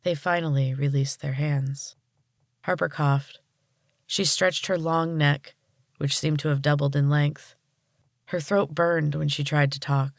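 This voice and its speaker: A woman podcast host narrating a storybook chapter in a calm, measured way. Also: sits low, no room sound, studio quality.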